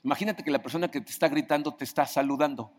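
Rapid-fire and a little high-voiced, a man preaches conversationally, regularly asking the congregation questions and acting out the voices he quotes. The recording carries a long hall reverb.

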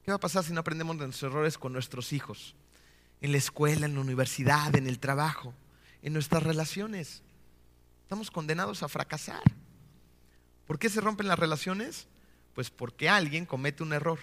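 A man in his thirties, a pastor, preaching a sermon full of rhetorical questions and often slowing down to stress his key points. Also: a little high, fairly bright tone, big-room sound. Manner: rhetorical questions with frequent tag "¿no?".

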